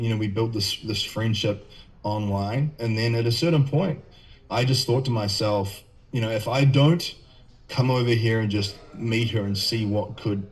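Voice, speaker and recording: A man with a New Zealand accent, chatting on a podcast as a guest. His voice sits in a middle pitch, and his talk is relaxed and rambling, peppered with casual asides. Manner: easygoing, loose and chatty, full of "you know" and "man".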